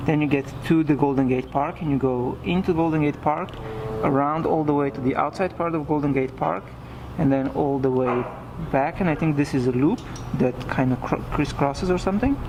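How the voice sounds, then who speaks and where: Casual male vlogger, slightly high voice. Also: background noise. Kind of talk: casual vlog chat.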